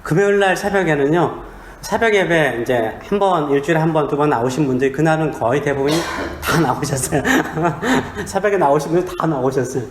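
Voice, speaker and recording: A man, a pastor, preaching a sermon in a small church, with humor and questions put to the congregation. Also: on the high side. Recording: echoey church sanctuary.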